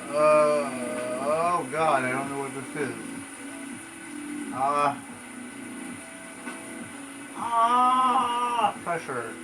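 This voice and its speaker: A man's voice: fairly high pitch, animated, very slow, pauses often. A man doing a casual let's play, talking through a game and reading its dialogue aloud. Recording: noticeable background noise.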